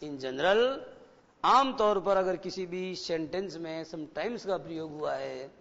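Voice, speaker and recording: A man teaching an English class to schoolchildren, explaining slowly and asking them rhetorical questions. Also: on the high side, animated, gravelly, fairly bright tone. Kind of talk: classroom lecture. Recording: dull lo-fi broadcast with long reverb.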